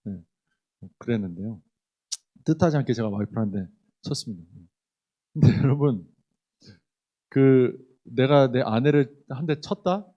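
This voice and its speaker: A middle-aged male pastor delivers a Sunday sermon in a church, in an easy, conversational tone. His voice sits a little higher than most men's, and he keeps checking in with the congregation through questions. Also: warm tone. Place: church sanctuary.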